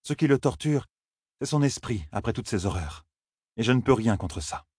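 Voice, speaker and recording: A man voicing a composed woman healer who speaks in a measured way. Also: medium pitch, animated, a little mellow, slightly rough, dry recording, studio quality, pitched above the performer's own voice. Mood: grave.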